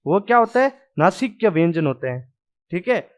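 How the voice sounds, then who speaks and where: Male grammar teacher, fairly high voice, chalk-and-board lecture, drills the sounds aloud, keeps checking in students. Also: sing-song, normal speed. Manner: drills sounds aloud, repeats "ठीक है" often. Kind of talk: classroom lecture at a whiteboard.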